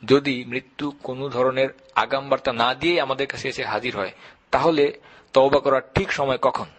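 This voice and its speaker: Husky-voiced man preaching earnestly. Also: medium pitch, fairly even intonation, a bit bright. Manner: earnest, measured preaching with emphatic repetition. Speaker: Islamic lecturer. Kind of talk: religious lecture.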